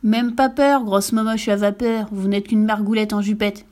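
A woman's voice: medium pitch, fairly even intonation, moderate pace, darkish tone, close to an everyday voice. A woman voicing a cheeky little boy who mangles his words, in a storybook reading.

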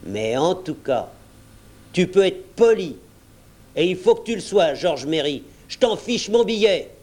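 A man's voice: mid-range voice, takes it slowly, close to an everyday voice. A man voicing a blustering, cunning male pirate captain who bullies and mocks his crew. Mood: threatening. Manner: loud, bullying, scornful.

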